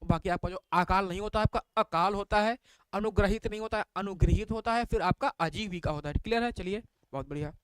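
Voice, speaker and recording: Man, online tutor, fairly high pitch, clear and crisp, repetitive questioning, praises students by name. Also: a little fast, dry recording. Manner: repetitive questioning, addresses viewers as bhaiya; reads out answer options, praises viewers by name. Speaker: teacher. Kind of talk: live online exam-prep lesson.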